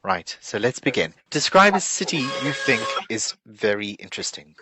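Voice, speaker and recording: A man's voice: mid-range voice, very animated, normal speed, pushed and bright, slight background noise. A man coaching students for a speaking test, giving feedback and explaining with examples. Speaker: English teacher.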